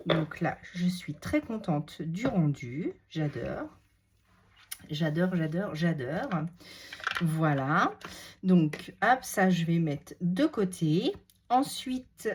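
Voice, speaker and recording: A woman with a French regional accent demonstrating a craft technique step by step, chatty and unhurried, thinking aloud with many fillers. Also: medium pitch, slight background noise. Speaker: crafting tutorial host. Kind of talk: casual step-by-step crafting demo.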